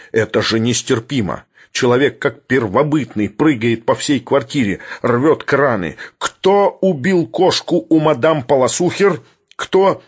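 An earnest young doctor who speaks with urgency, backing up his mentor, as a man voices him. His voice is husky and mid-pitched.

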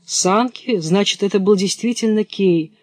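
A man reading the part of a gentle young girl who pleads earnestly. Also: sits high, measured pace, dry recording, studio quality.

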